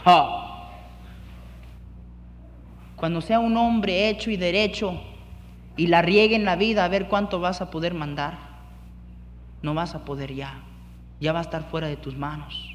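A man's voice: high-pitched, steady tone, normal speed, long reverb tail, slight background noise. A male pastor preaching a sermon, acting out scenes and dropping in English words.

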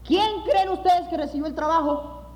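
A man preaching as pastor, emphatic, repeating phrases for weight and dropping low at the ends of phrases. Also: moderate pace. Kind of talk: sermon with illustrative stories. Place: church sanctuary. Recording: long hall reverb.

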